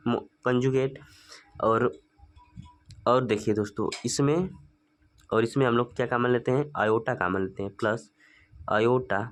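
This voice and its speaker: Male maths teacher, patient step-by-step explainer using rhetorical questions. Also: medium pitch. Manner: asks rhetorical questions and answers them; slow, stepwise working-through. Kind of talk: spoken maths lesson.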